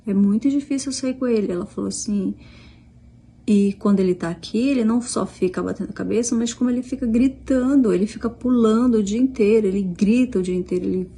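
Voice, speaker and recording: A little hiss or hum sits under this mid-range, dark, quick-paced voice. The speaker is a middle-aged Brazilian mother who vlogs, and she retells a conversation casually in a Brazilian Portuguese accent, restarting often and quoting dialogue.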